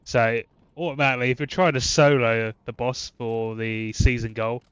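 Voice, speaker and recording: A gaming channel host, stuffy and congested from a cold, casually explains a game build in a rambling way full of fillers and restarts while gunfire and explosions sound from the game. His medium-pitched voice is steady, smooth and a bit bright at normal speed. The audio is dull, with no room sound.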